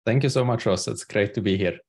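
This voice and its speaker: Middle-aged guest author from Lebanon with a very low voice, calm and explanatory. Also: male voice, husky. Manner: measured, explanatory. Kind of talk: interview answers.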